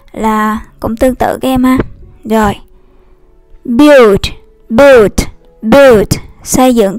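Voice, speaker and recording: A woman teaching an online lesson, explaining slowly and patiently with many fillers. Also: a little high, no echo. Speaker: English teacher. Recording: dry close recording with faint music.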